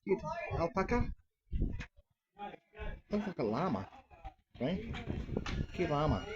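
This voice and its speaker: A man with an Australian accent, vlogging casually at an outdoor farm, excited and chatty, ending lines with "eh". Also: sits high. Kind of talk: casual walking vlog. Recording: dull lo-fi sound, crowd and farm animals behind.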